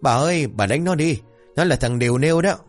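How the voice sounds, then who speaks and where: A man's voice: on the high side, sing-song, unhurried, darkish tone, faint music behind, voice pushed up. A man voicing a mischievous village boy who begs and wails through tears. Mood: wailing plea. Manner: wailing, begging, tearful. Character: cowardly prankster village boy.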